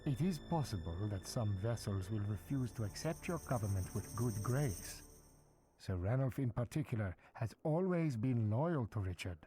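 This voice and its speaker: A man's voice: mid-range voice, expressive, normal speed, dark tone, close to an everyday voice. Man playing a formal courtly adviser, music behind. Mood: cautioning. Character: shrewd courtly adviser to a villainous prince.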